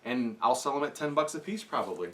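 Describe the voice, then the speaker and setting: A man's voice: medium pitch, fast talker. Guy rambling about flea market finds, voice bouncing all over. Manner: chatty, excited about bargains. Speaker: co-host. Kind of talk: casual chat.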